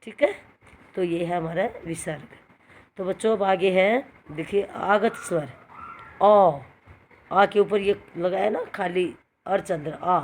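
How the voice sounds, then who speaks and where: A woman's voice: lowish voice, slow. A woman teaching a grammar lesson to children, patiently repeating each example word and asking questions that she answers herself. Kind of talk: recorded grammar lesson for students. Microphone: phone screen recording.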